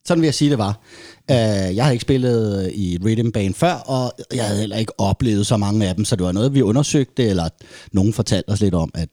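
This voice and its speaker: A man's voice: fairly low pitch, warm tone, no echo, studio quality. A man, a reggae band musician, talking casually with many restarts and fillers. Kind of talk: casual conversation.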